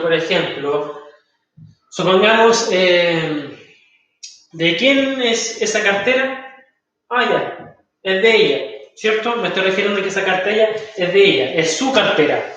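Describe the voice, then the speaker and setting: A man's voice: sits high, sharp tone, heavy reverb. Chilean guy teacher, keeps going ya? cierto?, far off mic, dull muffled sound. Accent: Chilean Spanish. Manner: patient, checks in often with "¿ya?" and "¿cierto?". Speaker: English teacher. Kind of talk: recorded online class explanation.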